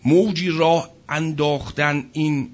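Guy preaching, pretty high voice, keeps firing rhetorical questions, muffled recording. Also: fairly even intonation. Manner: emphatic, full of rhetorical questions. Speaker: religious speaker. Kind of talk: sermon to an audience.

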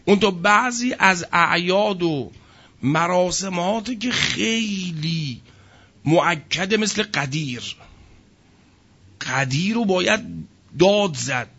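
A man's voice: high-pitched, animated, long pauses, pushed and bright, husky, highs cut off. A man giving a sermon to an audience, emphatic and full of rhetorical questions. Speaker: religious speaker.

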